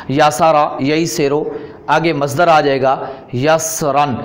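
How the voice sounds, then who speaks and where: A man with a Pakistani Urdu accent and a slightly high voice leads an online Arabic grammar lesson. He explains each rule step by step. Then he recites the verb forms in slow, drawn-out chants.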